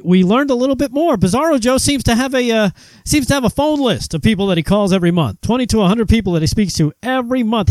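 A man hosting a political commentary monologue, mocking and animated, often stumbling and restarting his sentences. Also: sits high, dry recording. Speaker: host.

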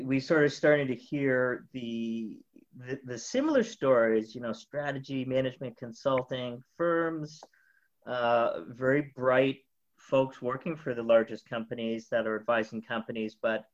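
A man's voice: medium pitch, muffled recording. A man hosting an interview podcast, talking casually with restarts and repeated words. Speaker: podcast host.

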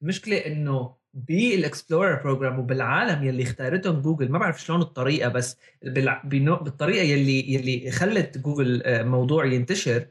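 A man's voice: mid-range voice, fast talker. A man with a Levantine Arabic accent co-hosting a casual tech chat, often repeating words as he searches for phrasing. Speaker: podcast co-host.

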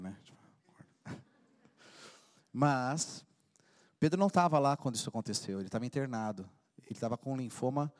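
A man preaching a sermon as pastor, impassioned and rising to loud preaching. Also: mid-range voice, big-room sound. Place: church.

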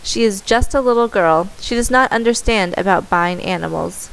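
A woman's voice: medium pitch, moderate pace, vocal fry, clear, resonant tone, lightly acted. A woman reading the lines of a poor widowed farmer father in a storybook, with a patient, kindly tone.

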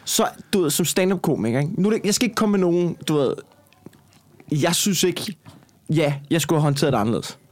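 A man, a stand-up comedian telling a story in casual conversation and swearing a lot. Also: a little high. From Copenhagen. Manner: swears a lot, heated and animated when retelling.

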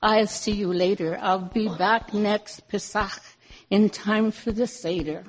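A woman's voice: medium pitch, fairly even intonation, slow. A woman voicing a jolly old Santa who speaks with a Yiddish flavor, cheery and exclaiming.

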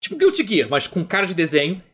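Sex: man. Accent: Brazilian Portuguese. Role: co-host of a live-streamed talk show. Style: casual chat. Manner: animated, rambling, slangy, joking. Pitch: very lively, swooping up and down. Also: fast talker, husky. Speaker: podcast co-host.

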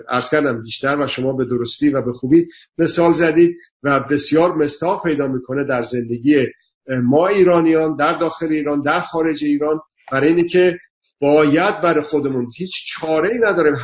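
A man speaking earnestly on a talk show, lecturing through emphatic repeated lists. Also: a little high. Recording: dull lo-fi sound.

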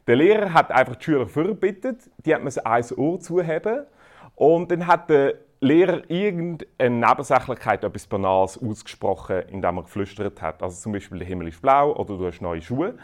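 A man preaches at an ordinary mid pitch. His delivery is lively, rising to loud emphasis and then dropping to quiet, earnest asides. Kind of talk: sermon.

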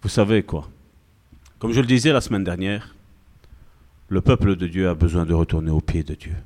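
A male pastor giving an animated, conversational sermon full of asides to the congregation. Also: low-pitched, normal speed.

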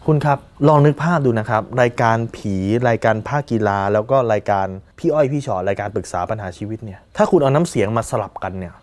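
A man's voice: fairly low pitch, darkish tone. A man acting as a sales coach, giving a direct podcast lesson and asking the listener questions.

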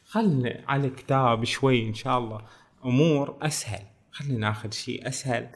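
Bahraini guy talking through a book, casual, lots of fillers, mid pitch. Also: a little fast. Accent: Bahraini Arabic. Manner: conversational, explaining a text in dialect with frequent fillers. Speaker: book reviewer.

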